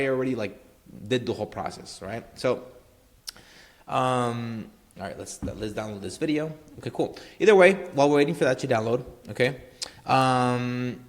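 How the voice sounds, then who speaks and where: A man talking through a screen-share tutorial in a casual, rambling way. His pitch sits in an ordinary middle range. He leans on fillers and keeps checking in with the viewer. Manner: rambling, filler-heavy, keeps saying obviously and right. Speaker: marketing tutorial host.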